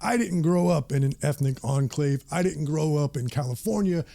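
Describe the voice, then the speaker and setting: A man with a Southern US accent, from the Deep South, giving a measured, scripted personal commentary. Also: expressive, creaky, dark tone. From Deep South, USA. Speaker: video essayist.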